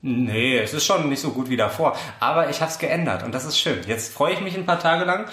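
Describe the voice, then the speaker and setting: A young man in his twenties co-hosting a podcast, talking in a rambling, ironic, deadpan way. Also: on the high side, fairly quick. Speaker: podcast co-host. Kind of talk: casual chat. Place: friend's flat. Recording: roomy room sound.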